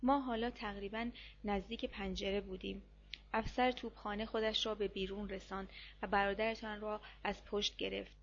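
A woman narrating a novel aloud in steady, measured storytelling. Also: mid-range voice, muffled recording. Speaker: audiobook narrator. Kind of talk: reading a war novel aloud.

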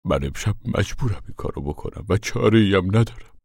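A man's voice: low-pitched, animated, creaky, a little mellow, no echo, clean studio sound, heavily acted. A man doing a weary, guilt-ridden middle-aged drinker. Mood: sorrowful. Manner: weary, heavy-hearted pleading.

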